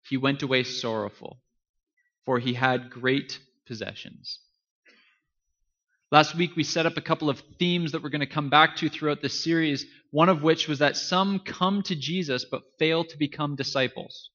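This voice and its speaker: Earnest, bright-voiced male preacher. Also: fairly high pitch, highs cut off. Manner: earnest, emphatic preaching with dramatic pauses. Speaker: pastor. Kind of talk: sermon.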